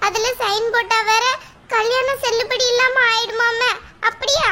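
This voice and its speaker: A woman's voice: very high-pitched, little pitch movement, normal speed, sharp tone, a little hiss or hum, pitched above the performer's own voice. A woman voicing a worried middle-aged mother of the bride in a cartoon, pleading and plaintive. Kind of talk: cartoon voice acting.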